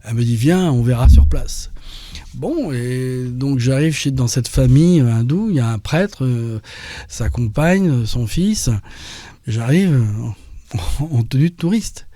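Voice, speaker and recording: A man telling a personal story in an interview, halting and restarting often as he recalls it. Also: mid-range voice, animated, dark tone, dry recording. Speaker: interview guest. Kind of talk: personal testimony.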